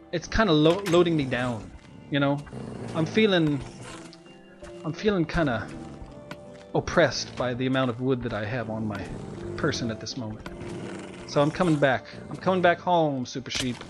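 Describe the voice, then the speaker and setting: A man's voice: fairly high pitch, expressive, moderate pace, pauses often, music in the background. Rambling, jokey man gaming. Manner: rambling, self-mocking, laughs often. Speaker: Let's Play co-host. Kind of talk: casual gameplay chat.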